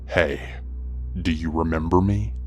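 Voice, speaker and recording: A man's voice: very deep voice, fairly even intonation, measured pace, faint music behind. A man doing a fake-hurt creepy stalker. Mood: menacing. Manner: mumbling, feigning hurt.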